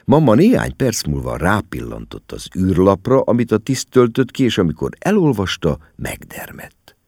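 A deep male voice telling a story with a lot of melodic movement. He reads the prose expressively, close and dry with no room sound. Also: wildly swooping pitch, vocal fry, a little mellow, dry recording. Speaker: audiobook narrator. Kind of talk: scripted literary narration.

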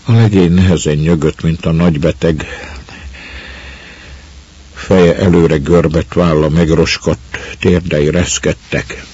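A man reading a story aloud in a slow, measured way. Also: very deep voice, steady tone, dark tone, breathy edge. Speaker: narrator. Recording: dull muffled recording.

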